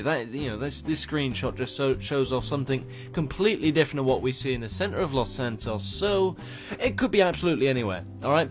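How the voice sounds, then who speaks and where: A man hosting a gaming show rambles through casual commentary on game screenshots, restarting often. His medium-pitched voice is slightly croaky because he has just woken up.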